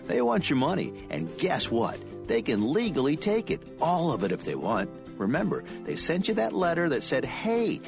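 A man's voice: on the high side, creaky. A man delivering a hard-sell advertisement as a commercial announcer, addressing the listener directly.

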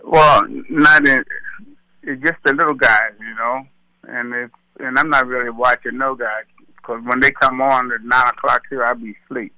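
A man in his seventies, a retired boxer, talking slowly and easily in an interview, often repeating words. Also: mid-range voice, steady tone, sharp tone, low-quality recording. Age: 70s. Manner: slow, easygoing, repeats words. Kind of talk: casual phone interview.

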